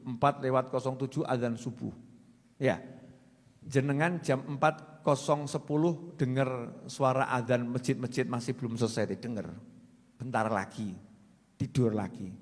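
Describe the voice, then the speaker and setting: A man preaching a sermon in a lively, joking way, swinging from loud to soft. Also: mid-range voice. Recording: long hall reverb.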